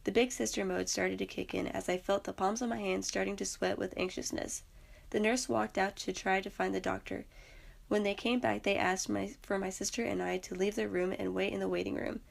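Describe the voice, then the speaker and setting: A young woman reads her own personal story aloud in an earnest, plain way. Her voice has a gravelly fry and sits at a middling pitch. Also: steady tone, brisk. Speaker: student narrator.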